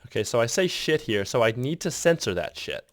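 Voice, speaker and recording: A man's voice: mid-range voice, big pitch swings, brisk. A man casually narrating an editing tutorial in voice-over, rambling, interrupting himself and chuckling at his own asides. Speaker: video editor explaining his process.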